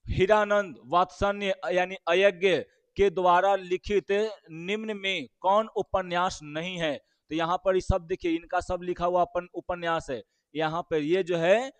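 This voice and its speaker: A man's voice: sits high, clean tone, no room sound. A male teacher, walking through exam questions and quizzing his listeners with rhetorical questions.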